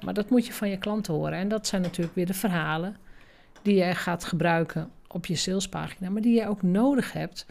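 A woman's voice: lowish voice, a little fast, gravelly, darkish tone. A middle-aged woman hosting a solo business podcast, coaching listeners in a direct, emphatic, exhorting way.

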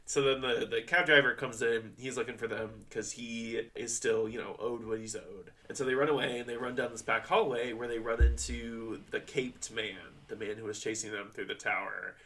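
A man of everyday pitch chats about a book on a casual podcast. He keeps it loose and swears freely, and his voice sounds a little distant from the microphone. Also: fairly even intonation, moderate pace, hardly any pauses, pushed and bright. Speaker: podcast co-host.

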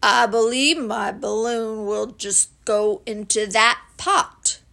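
A woman voicing a gloomy old male donkey in a storybook reading, talking in a slow, glum way. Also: fairly high pitch, steady tone, vocal fry, pushed and bright, exaggerated voice.

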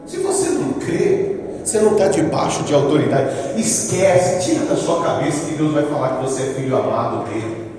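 A man preaching a sermon, emphatic and animated, firing off rhetorical questions and acting out little exchanges. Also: mid-range voice, fairly quick, slight background noise. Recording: echoey hall, voice from far off, faint music.

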